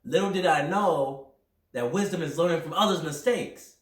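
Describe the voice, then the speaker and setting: A young man hosting a podcast, talking through a personal motivational monologue in an energetic, rambling, self-reflective way. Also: on the high side, normal speed. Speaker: podcast host. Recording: roomy echo, mic at a distance.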